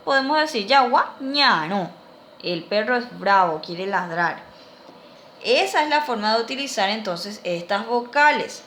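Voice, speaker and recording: A middle-aged woman, teaching a language lesson to children, speaking slowly and carefully and repeating words for pupils to echo. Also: mid-range voice, animated, fairly bright tone, slight background noise.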